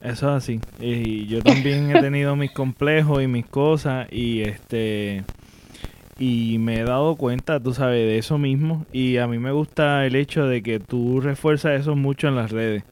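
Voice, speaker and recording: A man's voice: mid-range voice, a little slow, a little mellow. A man hosting a casual podcast conversation, speaking earnestly and supportively as he searches for words.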